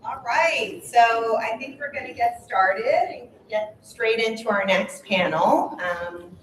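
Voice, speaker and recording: A woman's voice: on the high side, slow pace, slight background noise. A woman moderating a conference panel, introducing it with polite, formal courtesy and enthusiasm. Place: conference room with PA. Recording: echoey room, distant microphone.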